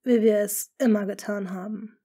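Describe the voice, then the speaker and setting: A woman voicing a scheming noble duke in an audiobook, speaking smoothly and often in a hushed, half-whispered tone. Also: mid-range voice, steady tone, close to an everyday voice. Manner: smooth, measured. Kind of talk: audiobook character reading.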